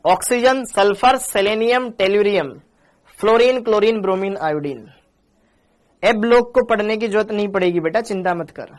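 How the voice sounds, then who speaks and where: Man, chemistry teacher, live online class, animated, coaxing. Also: high voice, moderate pace. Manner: animated, coaxing students, reads chat and scolds lightly.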